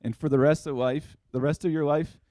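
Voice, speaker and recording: A man's voice: on the high side, steady tone, a little fast, warm tone, dry recording. A young man giving an earnest, heartfelt wedding toast as the groom's older brother.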